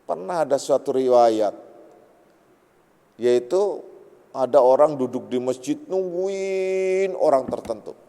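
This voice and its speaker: Man, sermon, casual storytelling, mellow tone, reverberant hall. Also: medium pitch, expressive, takes it slowly, creaky, long pauses. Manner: colloquial storytelling, acts out characters. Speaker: religious teacher.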